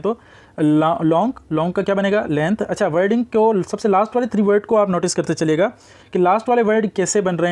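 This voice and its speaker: A man teaching a grammar lesson, explaining step by step and reading out word pairs slowly. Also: high-pitched, darkish tone. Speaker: English teacher. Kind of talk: classroom-style grammar lesson.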